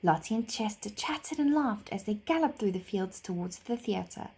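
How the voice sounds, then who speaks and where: Sounding like a teacher at story time, a woman narrates a children's tale with dramatic, deliberate phrasing. Her mid-range voice is animated, a little mellow and slightly rough.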